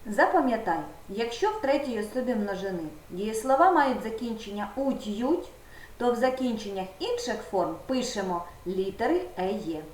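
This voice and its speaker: Woman, primary school teacher, patient and guiding, fairly high voice, echoey room, faint noise. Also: animated, moderate pace, darkish tone. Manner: patient, guiding, talks directly to the pupil. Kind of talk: video lesson for children. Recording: roomy echo with faint background noise.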